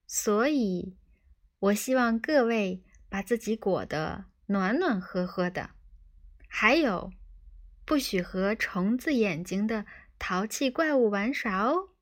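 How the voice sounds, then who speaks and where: A woman's voice: medium pitch, animated, slow pace. A woman voicing a ship's computer with a bossy motherly persona, sugary and scolding in an audiobook reading.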